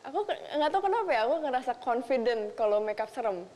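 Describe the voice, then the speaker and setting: A woman's voice: fairly high pitch, animated, quick pace, a little mellow. Chatty young woman, reverberant studio. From Indonesia. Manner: chatty, mixes in English phrases. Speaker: makeup artist and content creator. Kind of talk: casual interview answers. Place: TV talk show studio.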